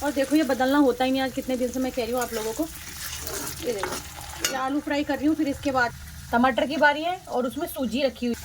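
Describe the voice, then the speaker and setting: A woman's voice: high voice, steady tone, fast talker, background noise. A woman, a mother, casually narrating a family vlog and talking straight to viewers while she cooks. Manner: chatty, talks straight to viewers while cooking.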